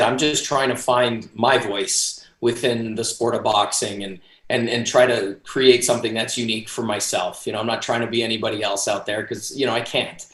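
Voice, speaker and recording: A man's voice: medium pitch, a bit bright. A man in his forties talking casually as an interview guest over a roomy, echoey video call. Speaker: interview guest, boxing ring announcer. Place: small home office, indoors. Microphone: video call, computer mic at desk distance.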